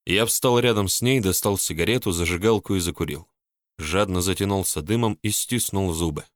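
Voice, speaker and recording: A man reading a first-person story as an audiobook narrator, calm and steady. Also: sits low, brisk, no room sound.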